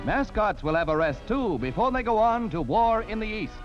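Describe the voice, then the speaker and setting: A man's voice: sits high, lively intonation, moderate pace. A man narrating an old 1940s newsreel in an emphatic, declamatory announcer style. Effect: old 1940s newsreel soundtrack. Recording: dull lo-fi old film soundtrack with music. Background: music score.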